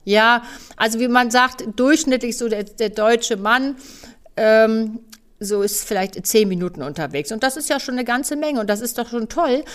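A woman sex therapist explaining her work in an animated, chatty way. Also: fairly high pitch, moderate pace. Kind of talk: casual chat.

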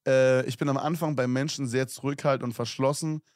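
A man's voice: mid-range voice, fairly even intonation, a little fast, a little mellow, no room sound, clean studio sound. A young man co-hosting a casual podcast, reading listener messages aloud with slang and laughs. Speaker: podcast co-host.

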